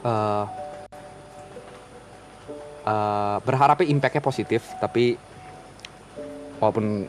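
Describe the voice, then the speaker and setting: A man, a guest in a casual interview, speaking reflectively and pausing often to search for words. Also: on the low side, soft background music, rough recording. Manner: reflective, hesitant with many fillers.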